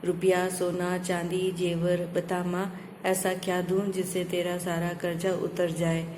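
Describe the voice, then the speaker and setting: A woman voicing an impatient, quick-tempered grown son in a spoken story, keeping a slow, even storyteller delivery. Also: on the low side, close to an everyday voice. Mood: challenging. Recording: echoey room, faint background noise.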